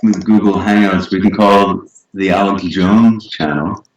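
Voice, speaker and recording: A laid-back man on a call talks in a halting, unhurried way, his voice fairly low. He is picked up by a webcam mic some way off, so his voice rings with heavy room echo. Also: steady tone, far from the mic, lo-fi sound. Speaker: co-host prankster. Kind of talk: casual call chat. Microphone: webcam mic with speakers.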